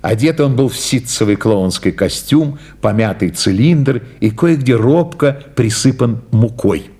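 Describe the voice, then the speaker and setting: Slow, animated male story reader. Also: medium pitch, breathy edge. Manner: unhurried, lively reading with acted dialogue. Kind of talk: storytelling, reading a classic tale aloud.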